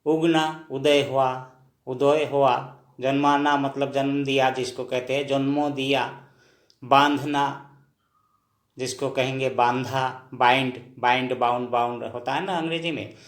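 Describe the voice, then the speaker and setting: Slow, patient male language teacher. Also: mid-range voice, steady tone, echoey room. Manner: repeats words slowly, checks in with "ठीक है दोस्तों". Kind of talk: slow spoken lesson, explaining word by word.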